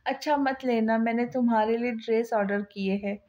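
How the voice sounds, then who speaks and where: A woman reading the lines of a young woman, a hurt and sulky sweetheart, speaking quietly with a pout. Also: a little high, steady tone, normal speed, lo-fi sound, close to an everyday voice. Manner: quiet, pouting.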